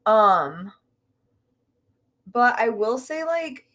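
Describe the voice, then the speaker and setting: Young adult woman, livestream host, animated, loose and talkative. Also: a little high, extremely slow. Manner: animated, laughs often, lots of fillers. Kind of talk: casual chat with a friend.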